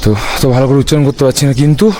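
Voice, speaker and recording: A man's voice: mid-range voice, flat delivery, rapid-fire, dark tone, slight background noise, rough recording. A man vlogging his motorbike trip outdoors at a hilltop monastery, talking casually to camera and mixing English words into his speech, a bit out of breath. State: somewhat out of breath. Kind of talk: casual vlog narration to camera.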